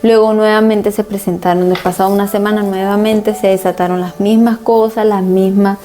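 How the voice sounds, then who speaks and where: Mellow-voiced woman pastor telling a story. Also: medium pitch, level tone, moderate pace, soft background music. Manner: earnest, storytelling, recounting family events. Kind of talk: sermon with personal testimony.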